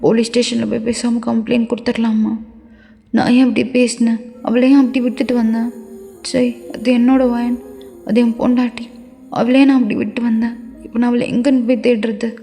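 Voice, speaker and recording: A woman's voice: fairly high pitch, little pitch movement, brisk, creaky, dark tone, soft background music. A woman voicing a remorseful, hot-tempered young husband who begs his wife tearfully in a fan-made audio story. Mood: anguished. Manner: tearful begging.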